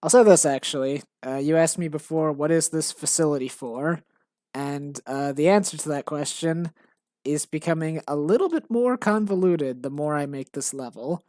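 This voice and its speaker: A woman with a low, mellow voice streams the game she is developing, chatting casually at a moderate pace. Her talk is rambling and self-mocking, full of fillers and restarts. The audio is clean studio sound with no room sound.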